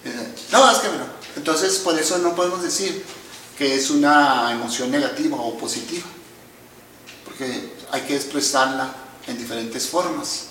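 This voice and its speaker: A middle-aged psychotherapist, a guest in an explanatory conversation, talks about emotions calmly and measuredly, like a teacher who often addresses listeners. His voice is a little high, picked up by a distant mic in an echoey room with slight hiss or hum.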